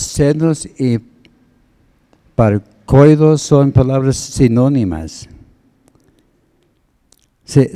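Slow, deep-toned male preacher. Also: warm tone. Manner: slow, deliberate, explains word meanings. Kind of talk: sermon teaching.

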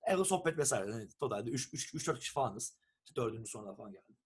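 Young guy from turkey telling a story, kinda husky voice, acts out what ppl said, swears a bit. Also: mid-range voice, fast. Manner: animated storyteller who acts out quoted texts and swears casually. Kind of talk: casual storytelling chat.

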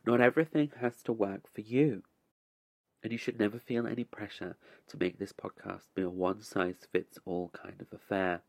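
A man hosting a scripted relaxation podcast, speaking in a measured, deliberate way with arch, formal phrasing and dry wit. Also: on the low side, steady tone, gravelly, darkish tone, dry recording. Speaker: podcast host.

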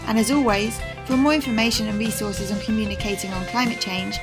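A woman's voice: mid-range voice, steady tone, a little fast. A woman podcast host reading polished scripted narration. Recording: voice over background music.

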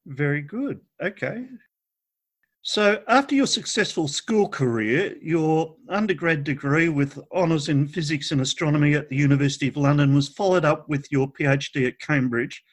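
Courteous male interviewer reading prepared questions, a touch high-voiced. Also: normal speed. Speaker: podcast host interviewer.

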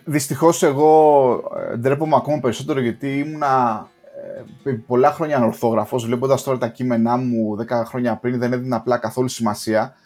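Greek man, mid-pitched podcast co-host. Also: fairly even intonation, a little mellow, faint music behind. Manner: reflective, self-deprecating, talks in long run-on turns. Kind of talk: casual chat.

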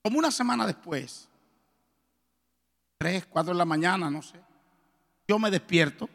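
A middle-aged man preaching a testimony sermon, telling his story in a lively way and acting out the dialogue. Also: high-pitched, moderate pace, vocal fry. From Colombia. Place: church. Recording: reverberant church hall.

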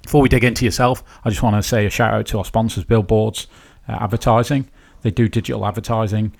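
A quick-talking man with an Isle of Man accent and a low, creaky voice. He hosts a podcast in a casual, rambling, conversational way. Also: steady tone. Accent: Manx. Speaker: podcast host. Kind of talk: casual interview chat.

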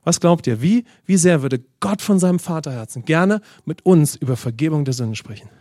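German preacher, higher voice, dry sound. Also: male voice, animated, mellow, dry recording. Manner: preaching with frequent amens and questions to the congregation; reads scripture slowly with rising emphasis. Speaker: pastor. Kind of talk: sermon.

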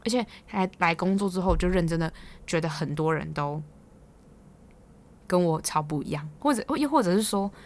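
A young woman with a Taiwanese Mandarin accent, hosting a podcast and telling stories in a chatty, teasing way, quick to laugh. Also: fairly low pitch, expressive. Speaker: podcast host. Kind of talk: casual storytelling monologue.

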